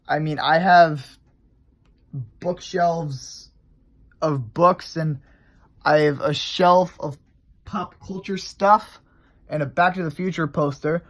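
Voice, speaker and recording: Rambling male vlogger with a slightly high voice, casual, explaining his craft. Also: fairly even intonation, slow pace, long pauses. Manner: loose and rambling, trailing off and restarting. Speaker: character creator on his own channel.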